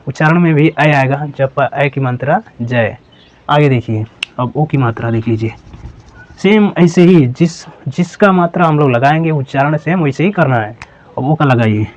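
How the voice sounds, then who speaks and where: A man teaching a slow, step-by-step lesson, patiently repeating each syllable and checking that viewers follow. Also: on the high side. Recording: dull lo-fi sound.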